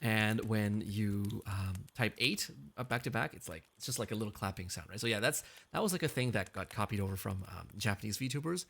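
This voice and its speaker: Streaming karaoke as a VTuber, this man chats casually between songs, joking, laughing often, and playfully reading chat messages aloud. He talks a bit fast with barely any pauses, in a lowish, fairly bright voice that has some vocal fry.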